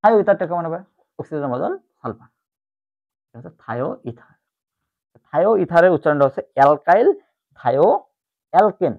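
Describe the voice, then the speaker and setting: A man's voice: fairly high pitch, animated, fast talker, pauses often. Tinny-sounding male chemistry teacher. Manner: explains step by step, repeats key terms. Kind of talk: online lecture. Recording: tinny phone-like audio.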